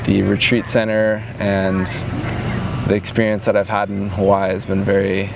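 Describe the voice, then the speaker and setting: A man in his twenties speaking in a reflective, halting way, with many pauses and restarts, as he talks about his life in an interview at a large outdoor gathering. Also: fairly low pitch, monotone, gravelly, noisy background. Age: 20s. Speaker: retreat organizer. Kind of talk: personal interview monologue.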